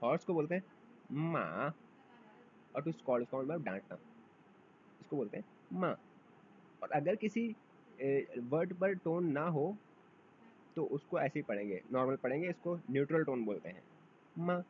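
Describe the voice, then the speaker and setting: A man gives a beginner language lesson, his voice a little high, and he stretches out each model sound. He keeps asking the class to repeat after him. The recording is dull and lo-fi, with a faint hiss behind. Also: expressive. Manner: repeats drills patiently, asks learners to repeat after him; drawn-out model sounds for drills. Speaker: language teacher.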